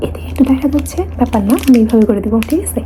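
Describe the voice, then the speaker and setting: A woman's voice: a little high, very fast, a little hiss or hum, poor audio. Chatty woman vlogger from Bangladesh. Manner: chatty, keeps asking viewers "okay?", hushed when sneaking. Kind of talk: casual vlog to camera. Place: home in Singapore.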